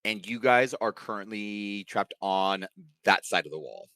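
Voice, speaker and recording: A man acting as game master in a tabletop game, narrating over an online call in a relaxed way with many fillers. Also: on the low side, measured pace, clear, resonant tone, no echo.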